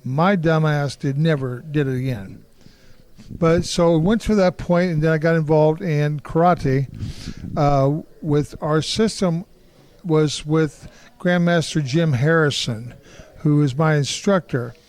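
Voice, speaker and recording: Blunt older man, slightly high voice. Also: measured pace, darkish tone. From Kansas City, Kansas. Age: 60s. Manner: blunt, rambling, frequent restarts. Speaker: interview guest, martial artist. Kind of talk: casual storytelling interview.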